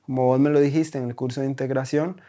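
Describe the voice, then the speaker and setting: A man with a Costa Rican accent, a German teacher talking as a guest in an interview, animated and full of rhetorical questions. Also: mid-range voice, fast talker. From Costa Rica. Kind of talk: conversational interview.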